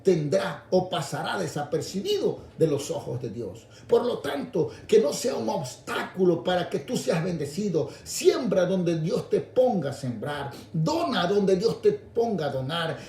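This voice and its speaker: A man preaching a radio sermon, calling his listeners "brother" and swinging from low, intimate asides to raised, shouted appeals. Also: sing-song, unhurried, hardly any pauses, echoey room. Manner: addresses listeners directly as "hermano".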